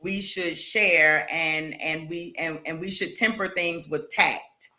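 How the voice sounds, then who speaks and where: A woman's voice: low voice, fairly even intonation, slow pace, pushed and bright. A woman talking as an interview guest, earnest and emphatic, with faith references. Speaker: guest, founder of a women's platform. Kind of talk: conversational interview.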